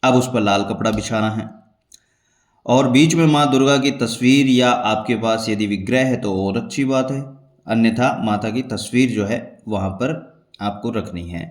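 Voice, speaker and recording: A man calmly explaining the steps of a devotional ritual as a spiritual teacher, measured and repeating key points for emphasis. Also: mid-range voice. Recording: echoey room.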